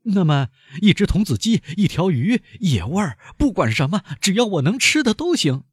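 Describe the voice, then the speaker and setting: A man's voice: high-pitched, big pitch swings, normal speed, slightly rough, dry recording, clean studio sound, voice pushed up, exaggerated voice. A man voicing a pampered middle-aged banker held captive, pleading and wheedling for food. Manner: wheedling, pleading and put-upon.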